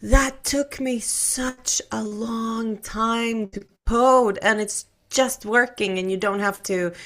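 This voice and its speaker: This podcast guest is a tech expert, a middle-aged woman from Sweden with an American accent, whose fairly low-pitched voice carries a fairly bright tone. She chats in a casual, candid way during the interview.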